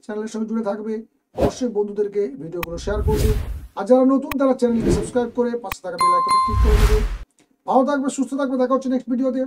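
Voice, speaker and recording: A man's voice: very high voice, expressive, very fast, loud music behind the voice. A man teaching a lesson, working through exam questions step by step and speaking directly to his students. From West Bengal, India.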